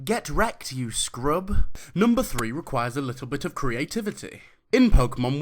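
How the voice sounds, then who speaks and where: A man's voice: medium pitch, sharp tone. Crude, sarcastic young male YouTuber. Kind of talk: comedic top-five commentary.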